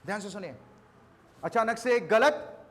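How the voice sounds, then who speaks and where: A man's voice: high voice, lively intonation, unhurried, fairly bright tone. A male pastor delivering a sermon with emphasis, acting out conversations and slipping English phrases into his preaching. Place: church service in a rented hall. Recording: long hall reverb.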